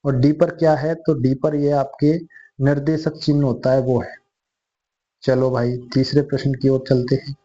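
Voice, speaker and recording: A man's voice: medium pitch, level tone, normal speed, warm tone, dull audio. A man teaching an online quiz lesson, addressing viewers as friends and repeating each answer.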